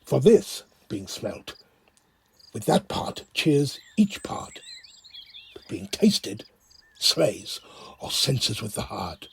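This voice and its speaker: Slow, musing friar herbalist , played by a man. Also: mid-range voice, sing-song, creaky, full character voice. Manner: measured, reflective verse delivery. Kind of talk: Shakespearean audio drama soliloquy. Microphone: phone. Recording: home phone recording, faint noise.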